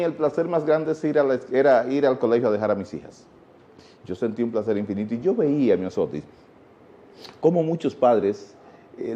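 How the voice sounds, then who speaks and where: A man's voice: mid-range voice, dark tone, highs cut off. A Dominican man, a speaking teacher, explaining in a TV interview with a didactic manner and many rhetorical questions.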